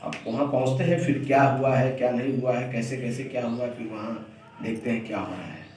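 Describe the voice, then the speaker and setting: A man's voice: mid-range voice, a little fast, a little mellow. A man vlogging casually, talking to his viewers and repeating himself as he consoles someone. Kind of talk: casual vlog narration. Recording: echoey and distant, faint noise.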